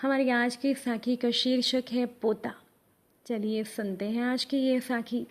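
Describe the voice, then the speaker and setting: A woman narrating a devotional moral story, gently addressing her listeners as the congregation. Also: fairly high pitch, steady tone, unhurried.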